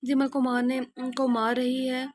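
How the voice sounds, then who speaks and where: A woman's voice: high voice, little pitch movement, a little mellow, dry recording, studio quality. A woman voicing a stern young husband who speaks curtly and scolds. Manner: curt, scolding.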